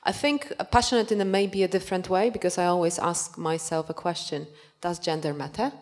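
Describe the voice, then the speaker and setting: A woman in her forties speaks on a conference panel in a notably deep voice. She holds a handheld mic and hesitates often with "uh". Her delivery stays measured and plain. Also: fairly even intonation, a little mellow. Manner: hesitant, frequent uhs. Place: conference hall with audience. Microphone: handheld microphone.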